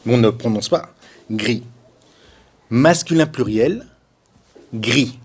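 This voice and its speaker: A man teaching French colors, repeating each word slowly for pronunciation and adding chatty, shrugging asides about the rules. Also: mid-range voice, animated, slightly rough. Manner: repeats words for pronunciation drills, patient. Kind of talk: slow, deliberate language lesson.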